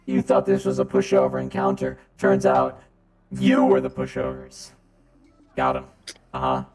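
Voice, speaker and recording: Male game master speaking through a robot voice filter; extremely low and droning, easygoing, teases players. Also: normal speed, over music. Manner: relaxed, teasing rules explanations. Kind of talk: running a tabletop game over voice chat.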